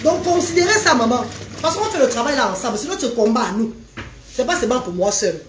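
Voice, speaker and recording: A woman chatting on a casual live stream, animated, calling her viewers "maman". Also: a little high, fast talker. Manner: animated, calls viewers "maman", sings out names. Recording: echoey room with faint background noise.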